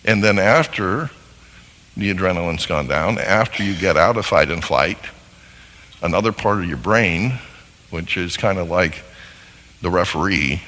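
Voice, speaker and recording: A man giving a seminar talk to a live audience, animated and acting out little scenes as he explains. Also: low-pitched, a little slow, long pauses, big-room sound, poor audio. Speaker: marriage seminar speaker.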